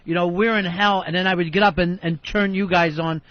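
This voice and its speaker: An American man hosting a radio show, casually telling animated anecdotes in a blunt, profane way and acting out quotes. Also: high voice, brisk, dry recording. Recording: dull lo-fi radio broadcast audio.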